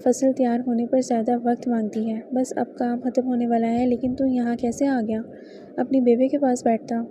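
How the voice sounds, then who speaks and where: A woman reading the lines of an elderly village father who is gentle but firm, fatherly and persuasive. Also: fairly high pitch, little pitch movement, lo-fi sound, noisy background, close to an everyday voice.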